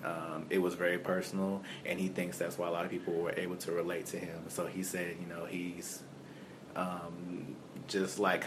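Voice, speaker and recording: A man chatting casually about music, relaxed and rambling, often breaking into laughter. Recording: low rumble and faint noise.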